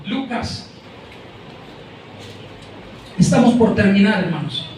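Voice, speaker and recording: A man's voice: high voice, expressive, slow, darkish tone, slight background noise. A male pastor with a Mexican Spanish accent preaching a sermon, speaking directly to his congregation and calling out names. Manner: repeats words while searching for them. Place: church hall. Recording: very echoey room, voice from far off.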